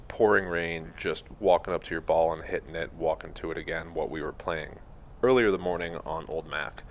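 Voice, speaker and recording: Man, very low pitch, relaxed vlog narration, outdoors, noisy background. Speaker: golf vlogger. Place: outdoors on a golf course.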